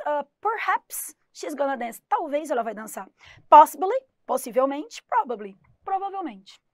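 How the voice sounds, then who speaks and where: Brazilian teacher lady, high voice, lively lesson, drags out the english words. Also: no echo, studio quality. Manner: lively, stresses English words slowly and clearly. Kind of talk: exam-prep English lesson.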